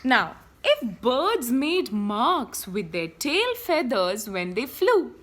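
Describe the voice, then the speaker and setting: A young woman reading a children's picture book aloud to her child, animated and playful, with gasps and bird calls. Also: fairly high pitch, takes it slowly.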